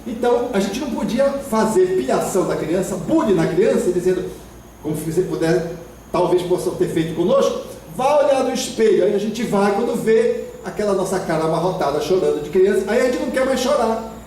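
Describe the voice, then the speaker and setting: High-voiced Brazilian man lecturing in echoey hall. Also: brisk, distant mic, slight background noise. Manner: expressive, acts out parents and children. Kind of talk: spiritist lecture.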